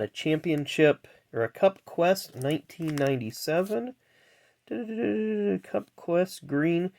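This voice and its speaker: A man's voice: medium pitch, a little mellow. A man with a stuffed-up, nasal voice gives chatty, casual commentary as a video host, reeling off names and adding asides. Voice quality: nasal, congested, blocked nose. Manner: chatty, reels off names then adds asides. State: stuffed-up sinuses. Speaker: host of a racing trading card pack-opening video.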